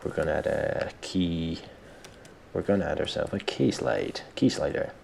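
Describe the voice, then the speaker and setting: A tutorial presenter walks through software at a moderate pace, his voice extremely low and full of gravelly fry. He's casual and self-deprecating, thinking out loud, with a faint background noise beneath him.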